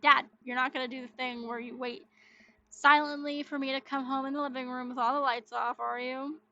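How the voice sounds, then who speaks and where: Woman doing a teasing teen daughter, high and bright, lo-fi sound. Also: flat delivery, fairly quick. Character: teenage girl, the dad's cheeky daughter. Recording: dull lo-fi sound.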